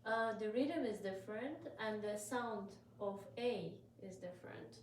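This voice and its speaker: A woman co-hosting a casual lesson who answers with short, soft replies. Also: medium pitch, measured pace. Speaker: co-host. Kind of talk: casual chat. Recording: roomy, distant, faint noise.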